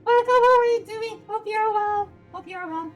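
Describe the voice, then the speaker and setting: A giggly streamer whose voice comes through a voice changer, pushed very high into a girlish register. The delivery is casual chat aimed at viewers, broken up by frequent laughter. Faint game music plays underneath. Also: moderate pace, highs cut off. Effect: voice changer, acting oddly today. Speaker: streamer playing and reacting.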